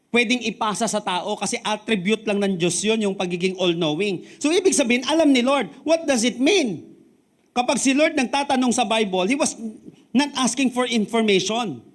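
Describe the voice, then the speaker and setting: A man with a Filipino accent preaches from the pulpit in a high voice. He moves between Tagalog and English, building to loud, emphatic peaks and then dropping low and quiet to drive a point home. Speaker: pastor. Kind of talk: sermon.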